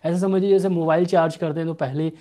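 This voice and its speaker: A young homeopathic doctor with a fairly high-pitched voice answers viewers in a live clinic. He keeps a steady, instructive tone and reads questions aloud more slowly. The recording comes from a desk webcam in a small room at home.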